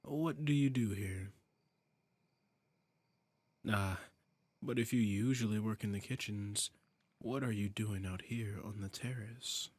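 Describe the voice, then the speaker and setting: Playful and flirtatious, a man voices a commanding demon prince in an intimate roleplay audio drama, silky, teasing and imperious, with a breathy tone that often drops toward a whisper. He speaks on the low side, taking it slowly and pausing often, in a dry recording.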